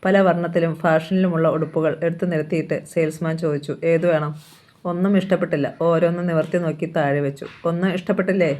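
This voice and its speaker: A narrator reading a novel aloud in a steady manner. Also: mid-range voice, fast talker, hardly any pauses.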